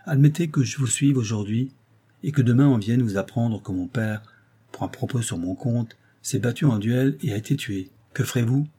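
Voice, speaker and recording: A man's voice: mid-range voice, moderate pace, warm tone, husky, lightly acted. A man voicing a proud, dutiful young noblewoman in an audiobook, reading her lines in an earnest, declamatory way. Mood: pleading.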